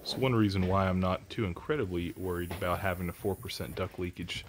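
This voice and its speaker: Against a noisy background, a low-voiced man in his forties talks fairly quickly and steadily as he explains a test. He's an HVAC contractor filming an instructional job-site vlog on a handheld phone inside a house under construction, keeping things practical and plain.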